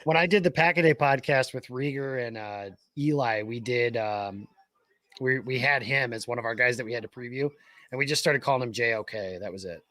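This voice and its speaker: A man co-hosts a casual live draft-night stream, calmly walking through picks and options. His voice sits at a medium pitch. The recording is dry and close. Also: brisk, no room sound. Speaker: co-host.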